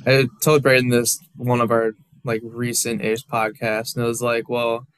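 Male guest, smooth resonant voice, flat even delivery, casual chat. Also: medium pitch, normal speed, dry recording. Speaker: podcast guest.

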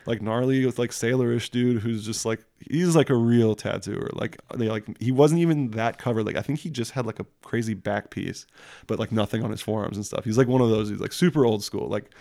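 A man's voice: medium pitch, fairly quick, gravelly, warm tone, dry recording, clean studio sound. A young man telling stories in a casual chat, rambling and slangy, packing every sentence with fillers and swearing. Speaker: guest telling tattoo stories.

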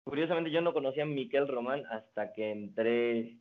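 A young man speaks as a guest in a casual interview, easygoing and full of restarts as he tells his story. His voice sits at an ordinary pitch. The sound is narrow and thin, like a phone line. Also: normal speed, crowd noise. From Mexico. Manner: relaxed storytelling with many restarts. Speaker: guest, card designer and magician.

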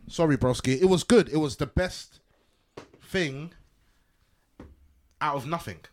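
A man's voice: fairly high pitch, measured pace, darkish tone. A man with a London roadman accent in casual podcast banter, slangy and often repeating himself. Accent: London, urban roadman. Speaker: podcast panellist.

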